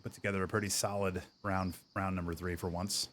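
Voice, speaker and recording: Chatty male streamer with a lowish voice. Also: fairly quick. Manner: chatty, answers viewer chat, excitable over good shots. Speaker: gaming streamer. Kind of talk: casual livestream game commentary.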